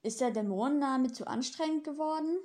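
A woman reading as a polite, earnest male angel in an audiobook. He sounds sincere and a little wounded. His voice sits high and lifted. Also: a little fast, darkish tone, lightly acted. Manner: polite, earnest, a bit hurt. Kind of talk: audiobook dialogue.

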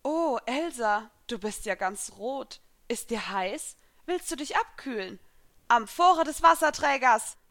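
Woman voicing a cheeky young mage girl, teasing, yelling spells up high, storybook fight. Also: lively intonation, moderate pace, hardly any pauses. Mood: cheeky, excited. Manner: playful, teasing, shouting spell names.

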